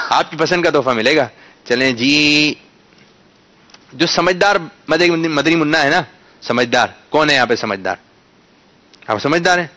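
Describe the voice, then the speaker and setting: Bright-voiced man hosting a kids' quiz. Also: a little high. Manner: coaxing, corrects pronunciation patiently; bursts into loud announcements. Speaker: quiz host for children. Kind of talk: studio quiz with children.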